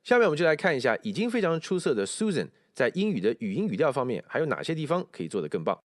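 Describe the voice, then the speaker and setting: A man teaching English pronunciation, explaining and slowly repeating English phrases to show stress and intonation. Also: on the high side, very animated, no room sound, studio quality. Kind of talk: pronunciation lesson with spoken examples.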